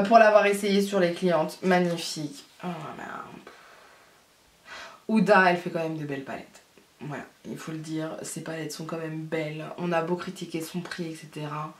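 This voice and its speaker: A young woman chatting casually about beauty products, full of laughs and fillers. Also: lowish voice. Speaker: beauty vlogger. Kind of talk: casual haul chat. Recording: roomy sound from a distance.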